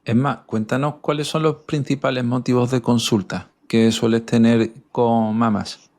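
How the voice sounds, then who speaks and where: Podcast host, man, mid pitch, brief prompting questions. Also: fairly even intonation, measured pace, darkish tone. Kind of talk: podcast interview.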